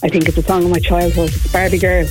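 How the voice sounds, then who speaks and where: A woman's voice: lowish voice, little pitch movement, fast. A young Irish woman calling into a radio contest over a phone line, giving brief, polite answers. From Ireland. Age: young adult. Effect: heard over a phone line. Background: loud electronic music.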